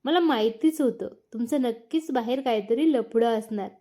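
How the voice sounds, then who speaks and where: A woman's voice: a little high, moderate pace, dark tone, lightly acted. A woman voicing a young wife who is hurt and accusing, read as a storybook. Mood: tearful accusing. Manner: accusing, emotional. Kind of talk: storybook narration.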